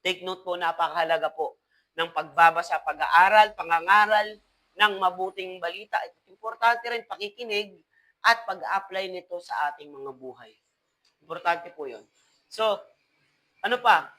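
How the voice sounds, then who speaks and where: A man's voice: high voice, normal speed, pushed and bright, poor audio. A young Filipino man with a Filipino accent, giving a devotional teaching and slipping between Tagalog and English with polite asides. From Philippines. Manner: mixes Tagalog and English, frequent "po" and "no?". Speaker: preacher.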